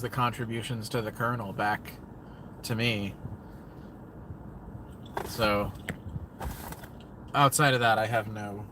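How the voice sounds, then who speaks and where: Parked in his car at night, a young man livestreams to a phone camera held at arm's length, chatting casually in a rambling, scattered, self-talking way. His voice is on the low side, and background noise can be heard.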